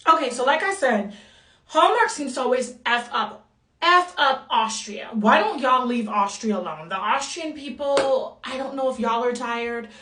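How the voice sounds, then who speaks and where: A woman's voice: high voice, unhurried, bright, forceful tone, reverberant, distant mic. A woman from the United States giving a blunt, sassy movie review in a casual rant. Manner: sassy, exasperated, blunt with mild swearing.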